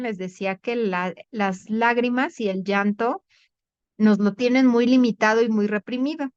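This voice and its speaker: A woman's voice: dry recording, dull audio. A woman, a thanatologist giving a conversational group talk on the stages of grief and acting out the voices she quotes. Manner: conversational, acts out quoted voices with rising pitch.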